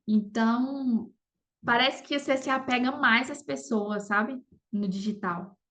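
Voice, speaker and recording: An affiliate marketer from Brazil appears as a podcast guest, speaking Portuguese in an unhurried, somewhat bright, high-leaning voice. She tells her story casually, often seeking agreement with little tag questions, on dull lo-fi audio.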